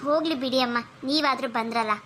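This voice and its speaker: A firm, caring cartoon heroine. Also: female voice, high-pitched, fast, fairly bright tone, slight background noise. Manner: firm, encouraging. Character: young wife, firm, caring elder sister.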